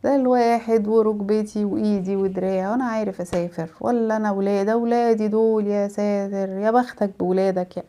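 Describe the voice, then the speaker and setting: A woman's voice: mid-range voice, fairly even intonation, brisk, few pauses, close to an everyday voice. A woman with an Egyptian accent acting out an envious man who mutters and whines about what others have. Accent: Egyptian Arabic. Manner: muttering, quiet, whiny sighs. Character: envious, sulking middle-aged man.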